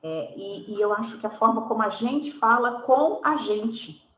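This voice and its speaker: A woman host and fellow clinician speaking in a measured, reflective way over a video call. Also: a little high, a bit bright, dull audio. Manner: measured, reflective, builds on the guest's points. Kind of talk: reflective conversation in an online talk. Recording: echoey room, faint background noise.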